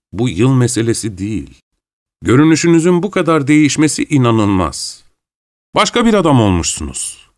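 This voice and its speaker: A man reading an audiobook, voicing an irritable, suspicious middle-aged gentleman who talks bluntly and sharply. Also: mid-range voice, pitched above the performer's own voice, lightly acted.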